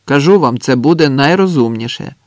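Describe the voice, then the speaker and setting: A man voicing an eager, hot-headed male anarchist soldier who shouts boisterously in an audiobook. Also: mid-range voice, lively intonation, brisk, no echo, studio quality, natural voice.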